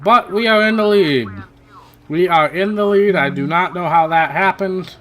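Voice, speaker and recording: Pitched high with a fairly bright tone, the man speaks at a moderate pace. He hosts a gaming channel and is narrating a racing game in loose, meandering chatter, often backtracking to correct himself, his voice tired after hours on the mic.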